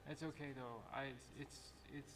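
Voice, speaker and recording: A man's voice: medium pitch, steady tone, unhurried, background noise. A man streaming a game, chatting casually in a self-deprecating way. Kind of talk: casual gameplay commentary.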